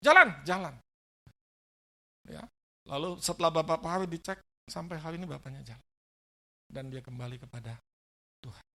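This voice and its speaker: A man's voice: on the high side, little pitch movement, brisk, long pauses, a bit bright. A man preaching a sermon as a pastor, telling stories animatedly, acting out the dialogue and asking the congregation questions. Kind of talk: sermon with storytelling. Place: church service.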